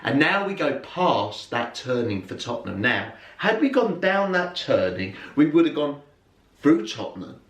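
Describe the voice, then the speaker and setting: A man storyteller from England performing a spoken story with lively, rhythmic repetition. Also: mid-range voice, a little slow. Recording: roomy, from far off.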